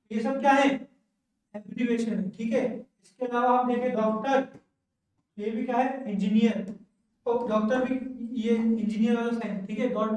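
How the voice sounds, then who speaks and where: A man's voice: extremely high pitch, a little mellow. A male English teacher giving a classroom lecture at the board, who keeps asking the class questions and checking in with "okay". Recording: very echoey room, mic far off.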